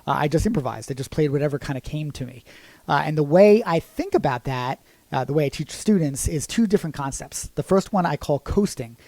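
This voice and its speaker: A man's voice: a little high, a little fast, dry recording. A man teaching drums in a casual lesson, explaining concepts and singing rhythms as syllables. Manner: sings accent rhythms as "ta"; relaxed, conversational explaining. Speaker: drum teacher.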